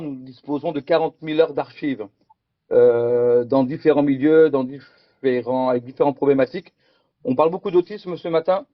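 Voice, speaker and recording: Hesitant and prone to repeating words, a middle-aged French presenter from Picardy walks through conference slides in a mid-range voice. The recording carries no room sound and comes across muffled.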